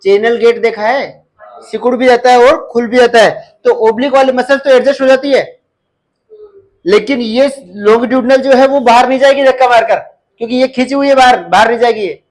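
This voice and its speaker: A man's voice: extremely high pitch, a little fast, poor audio. A man teaching a live class, lecturing and asking the students questions again and again. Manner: asks the class questions and repeats key terms. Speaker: nursing exam teacher.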